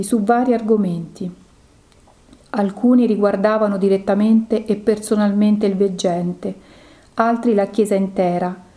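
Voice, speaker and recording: A woman narrating a devotional story in a calm, measured reading voice. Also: mid-range voice.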